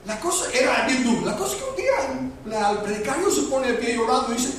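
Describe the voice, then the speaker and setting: High-voiced pastor, echoey hall. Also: male voice, fast talker, a little hiss or hum. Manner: animated storytelling that builds to shouting. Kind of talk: storytelling sermon. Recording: echoey hall recorded from far off.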